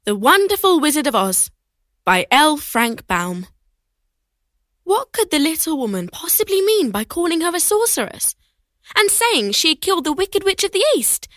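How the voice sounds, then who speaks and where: A woman reading excerpts from several children's and teen books aloud, with expressive, animated storytelling. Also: sits high, normal speed, no echo. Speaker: reader.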